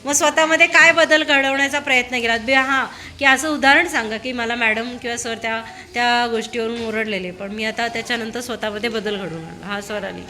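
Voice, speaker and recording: A woman's voice: fairly high pitch, steady tone, fairly quick, hardly any pauses, bright, forceful tone, slight background noise. A woman questioning a class of schoolchildren in a school room, prodding them with repeated, coaxing questions.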